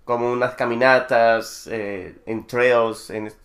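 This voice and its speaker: A man, co-hosting a casual podcast chat, relaxed and laughing often. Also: mid-range voice, takes it slowly. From lives in New Jersey. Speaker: podcast co-host, producer.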